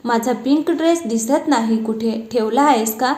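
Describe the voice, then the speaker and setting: Woman reading as bossy teenage girl, complaining, high voice, storybook. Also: normal speed, darkish tone, reverberant, natural voice. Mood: sulky. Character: sulky demanding teenage daughter.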